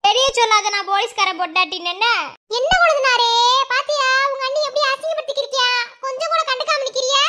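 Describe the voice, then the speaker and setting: Woman voicing a shrill, teasing Madurai village wife. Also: fast talker, bright, forceful tone. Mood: mocking. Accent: Madurai Tamil. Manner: teasing, scolding banter. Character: sharp-tongued young village wife, teasing, quick to scold. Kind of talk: cartoon voice acting.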